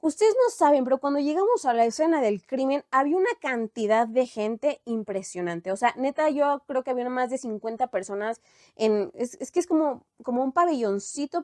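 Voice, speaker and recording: A young woman with a Mexican accent tells a story in a lively, slangy, animated way. Her voice sits fairly high. The recording is dry and close, with little room sound. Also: dry recording. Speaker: storytime vlogger. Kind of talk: casual storytime chat.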